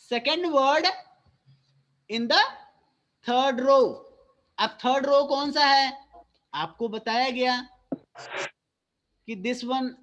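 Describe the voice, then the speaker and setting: A man's voice: very high voice, fairly bright tone. A male school teacher giving an online phonics lesson, mixing Hindi and English, patiently repeating and quizzing his students.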